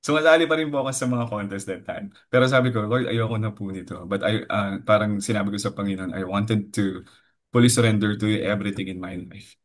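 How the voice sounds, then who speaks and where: A man in his thirties from the Philippines with a deep baritone, giving an earnest devotional testimony with many fillers. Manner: earnest, mixes English into his talk, frequent fillers and "po". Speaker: lay preacher giving a testimony.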